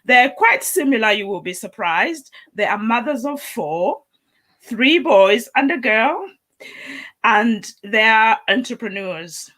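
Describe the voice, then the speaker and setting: A woman hosts a casual talk show and introduces her guests with real enthusiasm. Her voice is bright and forward. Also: fairly high pitch, expressive, slow. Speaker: show host. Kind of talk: casual chat.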